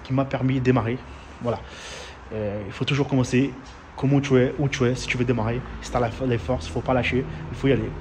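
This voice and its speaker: This man, medium-pitched with a darkish tone, is a heavy-truck mechanic from Brazil recounting his story in a casual vlog with a Brazilian Portuguese accent. He stumbles along hesitantly, with plenty of fillers and restarts, outdoors at a truck yard and garage as street noise carries behind.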